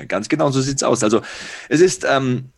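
A man's voice: mid-range voice, lively intonation, moderate pace, creaky, no echo. A man in his late thirties co-hosting a podcast, talking earnestly and reflectively in casual chat. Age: 30s. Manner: reflective, earnest, listing things off. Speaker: podcast co-host.

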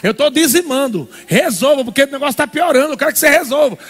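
A man's voice: very high voice, lively intonation, fast, a bit bright, big-room sound, pitched above the performer's own voice, exaggerated voice. A male preacher voicing a pushy churchgoer who insists that God fix his problems. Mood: demanding. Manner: insistent, demanding. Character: pushy churchgoer man demanding answers from God.

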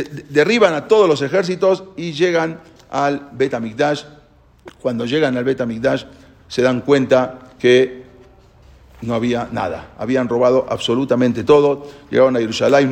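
A man giving a religious history lesson, telling the story in an animated way with frequent stumbles and restarts. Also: mid-range voice, normal speed, creaky. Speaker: religious teacher.

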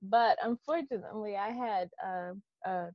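A woman's voice: mid-range voice, moderate pace, no room sound, dull audio. A woman from Detroit talking in a casual, earnest and rambling way. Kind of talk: casual conversation.

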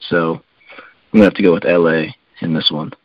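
A man co-hosting a casual sports podcast, relaxed and hedging, with lots of fillers. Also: sits low, brisk, no room sound, dull audio. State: coughing. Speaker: podcast co-host.

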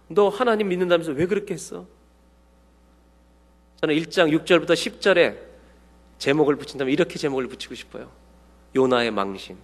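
A man preaching a sermon, acting out dialogue with sudden loud bursts to his congregation. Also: medium pitch. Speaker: pastor. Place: church sanctuary. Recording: long hall reverb.

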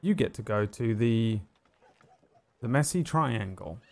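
A man improvising narration as game master of a tabletop game, halting as he thinks aloud. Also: mid-range voice, expressive, gravelly, a little mellow.

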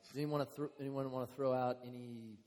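A man's voice: mid-range voice, fairly even intonation, fast talker, a little mellow. Man steering a group discussion, earnest, leans on repeated phrases; reverberant room. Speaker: discussion leader.

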